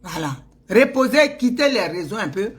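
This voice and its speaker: Her voice is mid-range, swinging widely in pitch at a normal pace, as this middle-aged woman with an Ivorian French accent rants casually for her vlog. She mocks and teases throughout and laughs a lot.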